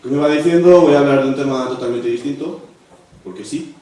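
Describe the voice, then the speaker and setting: A young man from Spain performing a live stand-up monologue at a university, switching into loud high voices to act out other people. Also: a little fast. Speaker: stand-up comedian. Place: university auditorium with a laughing audience. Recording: echoey, distant, noisy hall recording.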